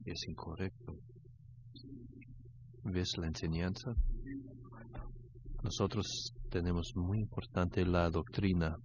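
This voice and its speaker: Older guy preaching slow, really deep voice, stops and repeats himself a lot, kinda dull lo-fi sound. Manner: halting, repeats words, grows louder telling a story. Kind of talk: sermon. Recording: dull lo-fi sound, faint background noise.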